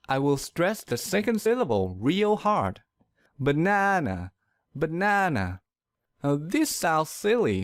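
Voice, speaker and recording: Clear, lively male pronunciation teacher. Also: on the high side, no room sound, clean studio sound. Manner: clear, deliberate explaining with demonstrated words. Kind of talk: scripted instructional narration.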